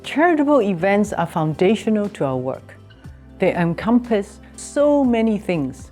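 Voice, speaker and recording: A woman giving measured, formal scripted narration for a documentary. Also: mid-range voice, sing-song, warm tone, soft background music.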